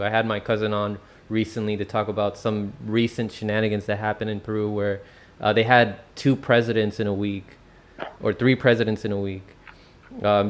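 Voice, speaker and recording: A man from the Washington, D.C. area hosting a casual interview, relaxed and friendly, with many "um"s. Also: on the low side, a little hiss or hum. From Washington, D.C. area, United States. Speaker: host of an online channel.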